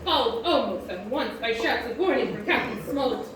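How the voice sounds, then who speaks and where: A woman narrating a live stage show, telling the story in a steady way. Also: a little high, normal speed, a little hiss or hum. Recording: echoey hall from far off, loud music behind.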